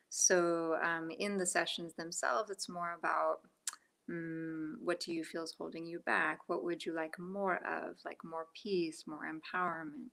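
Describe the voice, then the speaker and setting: Soft-spoken gravelly woman on a call. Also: on the low side. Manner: soft-spoken, many fillers, drifts into whispers. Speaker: Reiki practitioner guest. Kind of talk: casual video call interview. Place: home. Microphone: phone on a video call.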